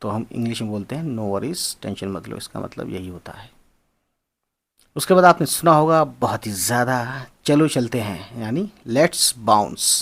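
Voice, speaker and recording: A man's voice: medium pitch, expressive, moderate pace, gravelly, a bit bright, slightly rough. Guy explaining english slang casually, spells stuff out, says things twice, talks to viewers like friends. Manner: spells words out and repeats phrases, addresses viewers as friends. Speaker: English teacher.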